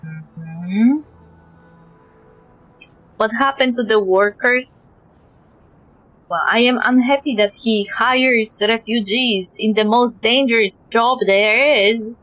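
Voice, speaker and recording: A woman's voice: fairly high pitch, takes it slowly, long pauses, fairly bright tone, soft background music, rough recording. A woman livestreaming a video game, casually and sardonically talking back to the characters and swearing freely. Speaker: streamer reacting to a video game.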